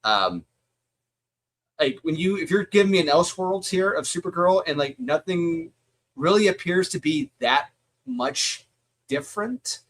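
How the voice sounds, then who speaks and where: A man's voice: on the high side, a bit bright. A man co-hosting a casual comic review chat, heated and ranting, swearing freely.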